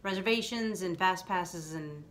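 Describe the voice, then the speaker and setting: A woman with a lowish voice hosts a vlog in casual chat. She explains things loosely and ramblingly, with faint noise in the background. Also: measured pace, fairly bright tone. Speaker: vlog host.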